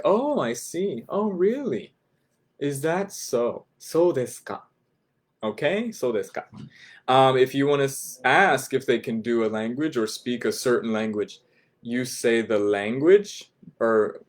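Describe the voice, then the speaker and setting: Male teacher for a beginner class. Slow and patient, repeats a lot, checks in after each phrase. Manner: models phrases with a raised, lilting pitch. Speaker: Japanese language teacher. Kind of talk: online language class.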